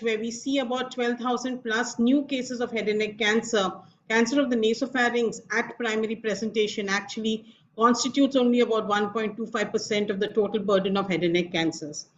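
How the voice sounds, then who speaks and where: A middle-aged woman with an Indian accent giving a formal, measured medical lecture as a professor. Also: a little high, slight background noise. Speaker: professor of radiation oncology, guest speaker. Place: online video call. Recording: dull lo-fi video call audio.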